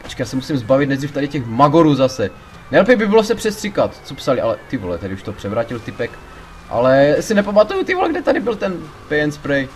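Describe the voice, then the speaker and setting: A man giving casual gameplay commentary, excitable, swearing a lot and panicking loudly when things go wrong. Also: mid-range voice, a little hiss or hum. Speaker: let's play gamer.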